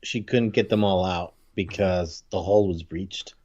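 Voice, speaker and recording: A man co-hosts a podcast, chatting casually and rambling with lots of fillers and restarts. His low voice has fairly even intonation at a measured pace, a little mellow, on lo-fi sound.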